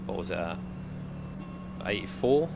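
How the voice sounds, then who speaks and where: Loud engine noise fills the background as this man streams his sim racing indoors, rambling casually into a headset mic and cursing occasionally. His low, gravelly voice is animated and moves at a measured pace.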